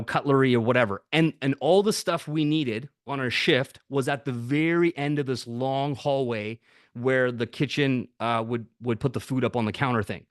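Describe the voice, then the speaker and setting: A man in his thirties telling his stories in a loose, animated way, with plenty of swearing and frequent laughter. His voice sits at an ordinary middle pitch. The sound is dry and close, with no room echo. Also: clean tone. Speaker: podcast guest. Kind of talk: casual storytelling.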